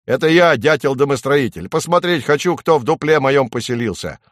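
A man's voice: medium pitch, lively intonation, fairly quick, fairly bright tone, no echo, clean studio sound, natural voice. A man voicing a fussy male woodpecker who builds houses, exclaiming indignantly in a storybook reading.

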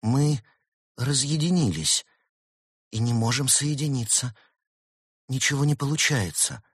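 A man's voice: medium pitch, a little slow, breathy edge, no room sound, clean studio sound, pitched above the performer's own voice. A man voicing a little female fox schoolgirl who rallies her classmates, in a storybook reading. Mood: worried.

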